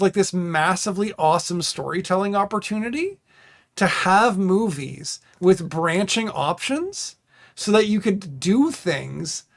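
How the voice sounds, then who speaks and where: A man hosting a retro gaming stream, chatting casually and rambling with lots of fillers. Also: high voice. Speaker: streamer host.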